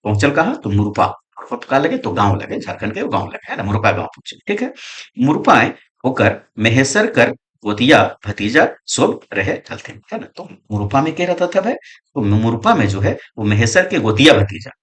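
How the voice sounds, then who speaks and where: A man's voice: mid-range voice, very animated, moderate pace. A male teacher, reading lines of a story aloud and explaining each one, with constant tag questions. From Jharkhand, India. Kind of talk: exam-prep lesson explaining a story.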